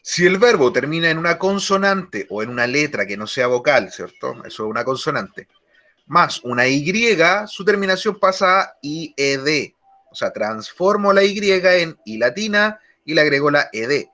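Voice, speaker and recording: A male teacher explaining grammar rules slowly in a lesson, often repeating key words. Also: a little high, animated, bright, forceful tone. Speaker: English teacher.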